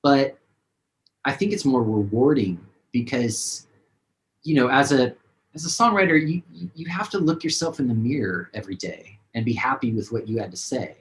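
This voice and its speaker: A man's voice: medium pitch, very animated, normal speed, poor audio. A man, a singer-songwriter, talking casually and rambling with many fillers in a video-call interview.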